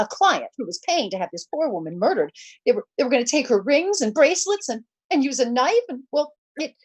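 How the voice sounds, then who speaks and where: A fairly high, slightly mellow, husky female voice plays a nervous, demanding invalid wife in the style of 1940s radio suspense. Her delivery is fretful, insistent and stammering.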